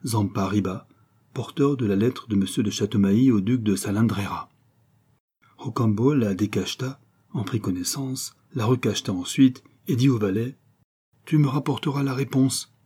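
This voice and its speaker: A man narrating a classic novel as an audiobook, in a steady, measured storytelling manner. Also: fairly low pitch, husky. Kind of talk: scripted narration.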